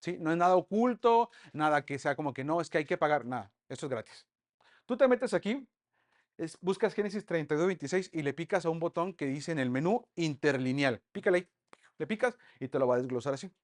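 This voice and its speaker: A man teaching an online Bible study lesson, lively and full of rhetorical questions to the group. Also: on the high side, a little fast.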